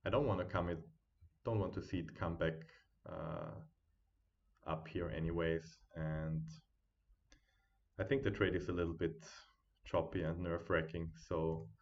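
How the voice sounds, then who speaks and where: A man at home giving live trading commentary, thinking aloud as he watches the charts and chats with his viewers, on a quiet built-in computer mic. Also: low voice, animated, measured pace, muffled recording. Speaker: day trading streamer.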